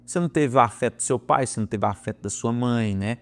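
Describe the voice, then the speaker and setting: A man with a Brazilian Portuguese accent teaches psychology in a loose, conversational way. He sprinkles in slang and leans hard on emphasis, his voice leaping high and loud, then sinking low and soft. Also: quick pace. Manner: colloquial, lively, slangy asides, emphatic swings in pitch and loudness. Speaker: psychology course instructor. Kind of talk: informal lecture.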